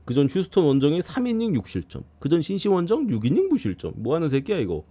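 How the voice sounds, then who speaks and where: A man giving a casual streamed preview of baseball games, blunt and quick to swear and grumble. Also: on the high side, wildly swooping pitch, mellow, slightly rough. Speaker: baseball betting analyst streamer.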